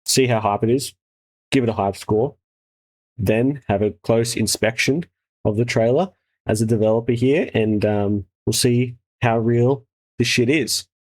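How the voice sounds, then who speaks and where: A man's voice: mid-range voice, steady tone, measured pace, darkish tone, poor audio. A man hosting a casual trailer reaction with sweary, laddish, slangy enthusiasm. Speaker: host, game developer reviewing trailers.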